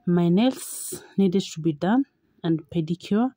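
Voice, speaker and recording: Chatty woman vlogger with a low, mellow voice. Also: lively intonation, unhurried, breathy edge, no room sound. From Kenya. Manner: chatty, repeats words for emphasis. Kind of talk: casual vlog voice-over. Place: home kitchen, indoors.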